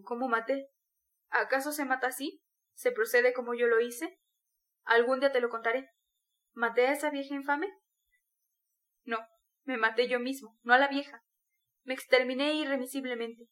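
Brooding bitter young guy spilling a dark confession, lady reader doing him, high bright tone. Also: moderate pace, pauses often. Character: brooding tormented young male student.

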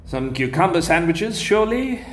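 Wearied proper official, strained manners, lively pitch, read by a man, roomy sound. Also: moderate pace. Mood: strained polite. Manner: strained politeness. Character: weary proper male British official. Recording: roomy with faint music.

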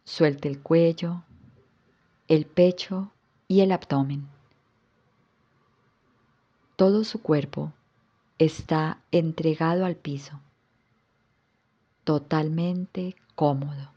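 A woman yoga instructor guiding a yoga nidra relaxation with soft, calm instructions. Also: low voice, drawn-out words, pauses often, dull audio.

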